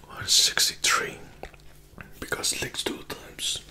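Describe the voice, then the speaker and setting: A young man speaks entirely in a breathy ASMR whisper. His delivery is very slow and close, with wet mouth sounds as he sucks a lollipop between phrases. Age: young adult. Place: small living room, indoors.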